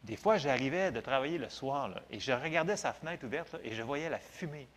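A man with a Québécois French accent giving a faith testimony in an animated, conversational, self-mocking way. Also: mid-range voice, fairly quick. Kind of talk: storytelling testimony to an audience.

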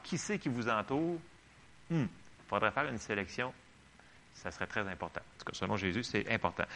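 A man's voice: medium pitch, bright, forceful tone. A man with a Québécois French accent preaching a sermon, reading Bible verses and chatting with the congregation in asides. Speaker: pastor.

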